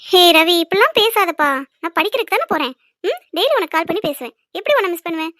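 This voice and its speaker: A woman's voice: very high-pitched, big pitch swings, fast, a bit bright, dry recording, clean studio sound, heavily acted. A woman playing a bossy, teasing young cartoon girl. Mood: coaxing. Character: playful, bossy young woman heading abroad. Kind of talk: cartoon voice acting.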